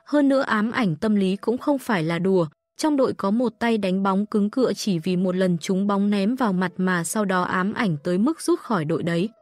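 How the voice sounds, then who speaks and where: A woman narrating an audiobook in a steady, even reading voice. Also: mid-range voice, normal speed, few pauses, no echo, studio quality, faint music behind. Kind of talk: scripted narration.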